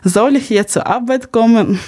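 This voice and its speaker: A woman's voice: on the high side, normal speed, warm tone. A young woman hosts a podcast. She speaks earnestly, partly reading from a script, with small slips in her grammar. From Ukraine. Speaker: podcast host. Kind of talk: podcast, partly read narration.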